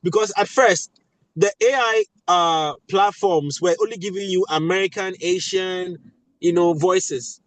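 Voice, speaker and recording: Man, Ghanaian West African accent, high-pitched, emphatic panel talk, repeats key phrases, dry sound. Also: measured pace, dry recording, low-quality recording. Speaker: voice actor and audio producer speaking at a webinar.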